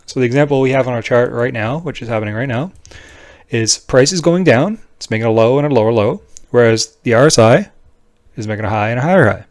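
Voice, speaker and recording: A man with a mid-pitched voice talks through a tutorial off the cuff. He is informal and blunt, checking in often with a short "right?" The sound is dry, with no room around it. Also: quick pace, dry recording. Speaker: trading tutorial presenter. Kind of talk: casual screen-share tutorial, unscripted explanation.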